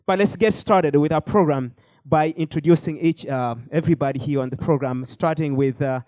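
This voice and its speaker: A man's voice: fairly high pitch, normal speed, a little mellow, no echo. A man hosting a panel discussion, speaking with frequent hesitations and fillers. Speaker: host.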